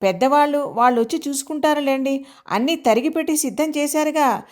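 A woman voicing a gentle, affectionate older mother-in-law in an audio story. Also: high voice, fairly quick, natural voice. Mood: fretful.

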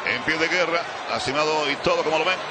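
A man calling wrestling play-by-play as a commentator, excitable and dramatic, in short bursts. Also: fairly high pitch, quick pace, very noisy. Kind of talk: play-by-play wrestling commentary in Spanish-language broadcast. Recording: loud arena crowd and ringside thuds. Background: roaring wrestling crowd.

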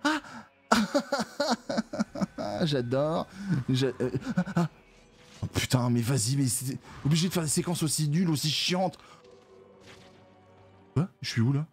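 A man's voice: fairly high pitch, sing-song, takes it slowly, pauses often, soft background music. A man giving frustrated gameplay commentary, groaning and swearing as he complains. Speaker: let's play gamer.

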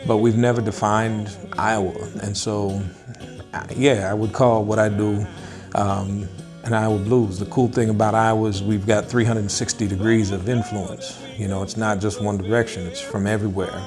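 Middle-aged male musician, low-ish voice, easygoing and reflective interview delivery, guitar music bed behind. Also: little pitch movement. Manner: thoughtful, unhurried, many filler pauses. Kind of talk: relaxed interview talk. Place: indoors, wood-paneled room, seated at a table.

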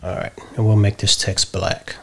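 A middle-aged man explaining a software tutorial step by step from a home office, often checking in with "right?". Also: lowish voice, normal speed, creaky. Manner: relaxed step-by-step explaining, tags lines with "right?". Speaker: tutorial host. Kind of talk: screen-share software tutorial.

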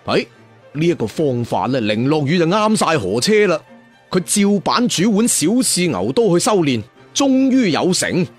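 Here the Cantonese storyteller's voice sits a little high as he carries his fantasy serial along with lively, swinging energy. Theatrical asides in a conversational tone pop up often, and he stretches out line endings for emphasis over music that ranges from faint to clear.

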